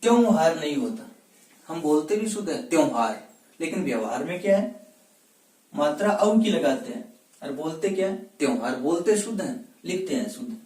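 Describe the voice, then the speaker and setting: A man's voice: fairly high pitch, sing-song, moderate pace, a little mellow. Man teaching Hindi grammar in an echoey room. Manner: asks questions and answers them himself, repeats words for drill. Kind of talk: exam-prep grammar lesson. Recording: echoey room, mic at a distance.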